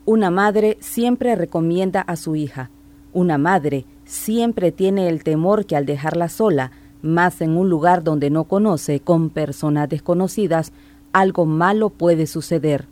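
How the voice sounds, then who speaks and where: A woman reporter reading a measured, formal news narration. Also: on the low side, a little mellow.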